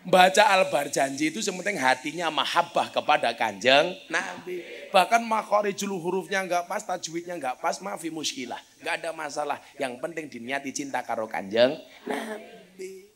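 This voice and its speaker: A man's voice: a little high, animated, moderate pace, a bit bright. A man preaching a humorous sermon, telling stories and breaking into chanted Arabic recitation.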